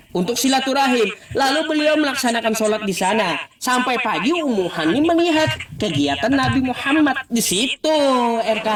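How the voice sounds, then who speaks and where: High-voiced man debating in an echoey room. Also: a bit bright, recorded from a distance. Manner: cites sources by number, with many tag fillers, teasing. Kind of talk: heated religious debate.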